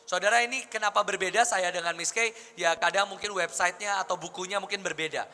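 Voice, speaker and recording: Bright-voiced male pastor in an echoing hall. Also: sits high, quick pace. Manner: lively, conversational preaching with rhetorical questions. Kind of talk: sermon teaching. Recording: long hall reverb with faint music.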